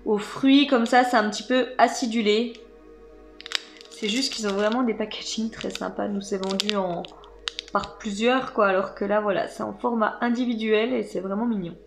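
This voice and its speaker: A woman's voice: medium pitch, fairly even intonation, moderate pace, creaky, over music. A woman chatting casually as she unboxes snacks for her channel, hesitant and full of fillers. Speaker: vlogger.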